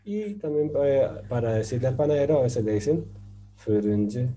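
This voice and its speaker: A man's voice: medium pitch, expressive, moderate pace, dark tone, dull audio. A man teaching a casual language lesson, explaining patiently with many fillers and checking in with his listeners. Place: in Turkey.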